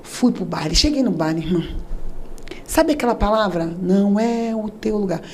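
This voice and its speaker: A woman telling a church testimony with animated storytelling, acting out the voices of the people and prayers she quotes. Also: mid-range voice, normal speed, a little hiss or hum. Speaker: testimony speaker.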